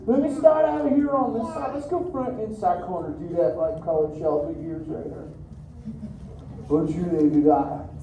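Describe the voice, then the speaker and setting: In a live show at an indoor theater, a performer plays a laid-back surfer-dude sea turtle, drawling goofily, saying "dude" often, laughing a lot and chatting playfully with the audience. The voice is medium-pitched and dark, close to everyday speech, at a moderate pace. The recording is echoey and noisy, captured from far back in the theater.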